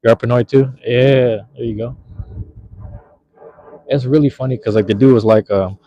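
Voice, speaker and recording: A laid-back, slangy man with a dark, medium-pitched voice chats casually with viewers at normal speed and fairly even intonation. He's livestreaming on a handheld phone outdoors in a park at night, in cold drizzle. The sound is slightly dull and lo-fi.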